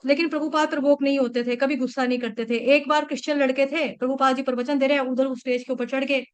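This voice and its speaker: This young devotional speaker's voice sits high, with a level tone and a quick pace. Her scripture talk unfolds as chatty storytelling, punctuated by frequent checks such as "okay" and "right" to keep listeners with her.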